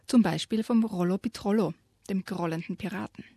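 A woman co-hosting a radio show, lively retelling and reading aloud a children's story, giving quoted lines their own voice. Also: medium pitch, a little fast, breathy edge, no room sound, clean studio sound. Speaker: radio co-host presenting children's books.

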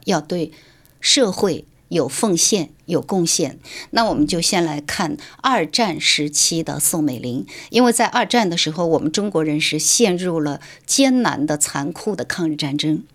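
A woman writer from Shanghai, guest on a radio interview, explaining her views in an articulate, lecturing way. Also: on the low side.

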